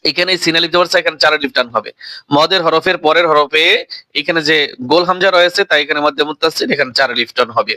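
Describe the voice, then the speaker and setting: A man teaching Quran reading, spelling out letters and vowel marks aloud and then reciting each word slowly. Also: on the high side, bright, forceful tone, no room sound, low-quality recording.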